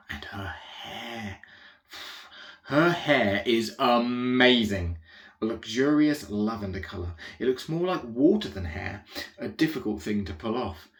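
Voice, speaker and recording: A man with a lowish voice, close to how he normally talks, narrates a first-person comic children's audiobook in an echoey room. His character, a naive young alien royal, rambles chattily, loses focus easily, and interrupts himself with corrections.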